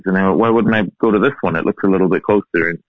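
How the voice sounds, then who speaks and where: Talking fast in a low register, a thirty-something field hockey coach from Ireland tells stories as an interview guest, laughing easily and staying relaxed and chatty. Years in the US have softened his Irish accent. It's a dry recording over a tinny, phone-like line, with no room sound at all.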